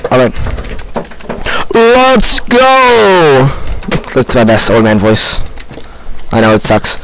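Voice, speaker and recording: Excitable young man yelling at a game. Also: on the low side, moderate pace. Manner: excitable, goofy, yelps and shouts at the game. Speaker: gaming YouTuber. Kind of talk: casual Minecraft let's-play commentary. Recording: faint background noise.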